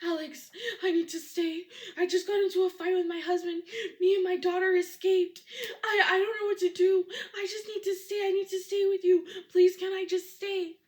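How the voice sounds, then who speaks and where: A woman's voice: very high voice, flat delivery, normal speed, a little mellow, voice pushed up. A woman voicing a volatile, manipulative woman who screams and pleads in a tearful voice while retelling a story. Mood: pleading. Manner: screaming, then pleading and sobbing.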